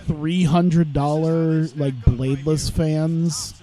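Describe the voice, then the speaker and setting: Speaking slowly with a steady, warm tone and a slightly high voice, this man rambles through casual gameplay commentary as he plays at his home computer. The gaming YouTuber uses plenty of fillers and sounds congested from his sinuses.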